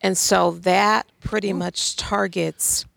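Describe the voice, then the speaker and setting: A woman's voice: medium pitch, steady tone, takes it slowly, creaky, a bit bright, no echo. A woman speaking as a guest in a conversational talk on faith, making emphatic, pointed arguments with rhetorical questions.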